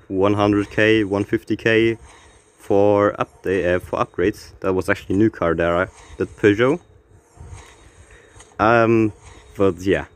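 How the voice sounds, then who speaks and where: A man giving casual, excitable commentary on opening car packs in a racing game, reading out car names and laughing often, a little out of breath. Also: low-pitched. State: slightly out of breath. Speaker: gaming YouTuber.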